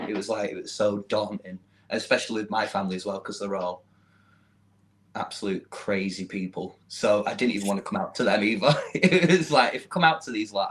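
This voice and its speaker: A man's voice: fairly low pitch, rough recording. A young man from Manchester with a Mancunian accent, chatting casually as a podcast guest and often laughing at himself. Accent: Mancunian English. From Manchester, England. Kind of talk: casual chat.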